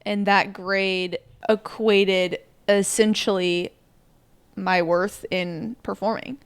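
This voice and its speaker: A woman's voice: medium pitch, steady tone, takes it slowly, clear, resonant tone, no echo. A young woman in her twenties co-hosting a podcast, talking in an earnest, heartfelt way and thinking aloud with many fillers. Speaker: podcast co-host. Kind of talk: casual reflective chat.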